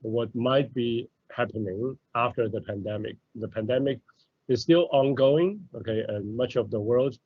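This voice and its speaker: A man's voice: mid-range voice, moderate pace, breathy edge, dry recording. A middle-aged man from mainland China, giving an academic lecture over a video call, hesitant and full of "uh" and "okay". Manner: hesitant, many fillers and "okay"s. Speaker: professor giving a talk. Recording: dull lo-fi video call audio.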